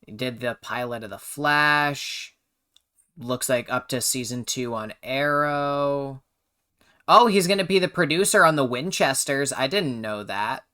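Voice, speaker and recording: Bright, slangy reaction host, unhurried pace. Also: medium pitch, lively intonation. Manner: slangy, exclamatory, self-deprecating. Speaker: host of a TV episode reaction and commentary show. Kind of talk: casual reaction commentary.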